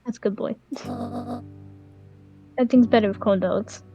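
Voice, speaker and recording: A woman voicing a kindly elderly grandmother in an improvised game voice-over, calm and mischievous with crude jokes. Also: medium pitch, unhurried, highs cut off, faint music behind, lightly acted. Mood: teasing. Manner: calm, warm-hearted advice with crude jokes.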